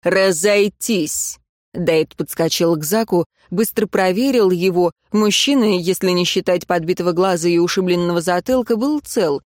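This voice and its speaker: A woman narrating a fantasy audiobook in a steady, even storytelling voice. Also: on the low side, normal speed, hardly any pauses, no echo, studio quality. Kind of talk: scripted narration.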